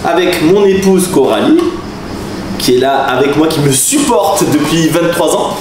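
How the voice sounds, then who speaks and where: A taekwondo master and vlogger in his forties, from southern France, tells stories to the camera in a chatty, animated way full of asides and frequent laughter. His voice is on the high side and unhurried. The room with a camera crew sounds roomy, with a distant mic and background noise.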